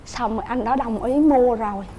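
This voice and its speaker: Southern Vietnamese woman, talk show guest, mellow earnest storytelling, a bit high, faint background noise. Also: normal speed. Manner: earnest, telling a family story at length. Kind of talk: casual chat.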